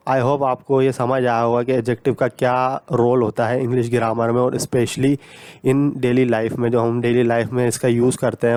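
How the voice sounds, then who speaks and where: A man's voice: medium pitch, darkish tone, clean tone, no echo. A man teaching English grammar, explaining patiently and repeating points, mixing English grammar terms into his talk.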